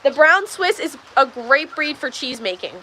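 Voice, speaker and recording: Woman, high voice, casual livestream host, chatty, in a barn milking stall, phone mic. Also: big pitch swings, moderate pace, background noise. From Texas, USA. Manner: chatty, answers viewers' questions while coaxing cows. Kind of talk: casual livestream chat while doing farm chores.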